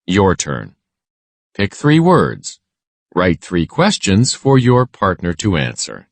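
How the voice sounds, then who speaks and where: A man narrating a children's read-aloud in a deliberate, expressive scripted style. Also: low-pitched, dry recording.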